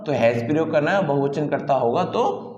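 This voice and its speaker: A man teaching an English grammar lesson in Hindi. He repeats himself, keeps saying "theek hai" and often clears his throat. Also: fairly high pitch, expressive, moderate pace, a little mellow. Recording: echoey room, slightly dull sound.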